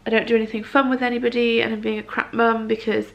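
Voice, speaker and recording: A woman's voice: a little high, little pitch movement, fast, gravelly, dull audio. A young woman, heavily pregnant and out of breath, chatting on camera in a giggly, self-mocking way. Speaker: vlogger. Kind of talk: casual vlog chat. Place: outdoors on a rainy walk and at home.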